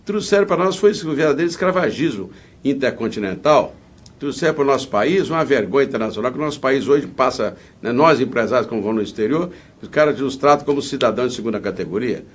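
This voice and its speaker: A man's voice: mid-range voice, animated, quick pace. Casting: male political candidate with Brazilian Portuguese accent, mid-range voice, fired-up and indignant, rambling emphatically through interview answers.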